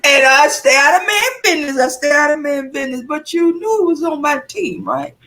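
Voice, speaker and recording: A woman with a very high voice, chatting in an animated, flirty way and laughing freely. Her talk is loose and casual. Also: a little fast, slight background noise. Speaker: online talk show guest. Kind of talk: casual chat.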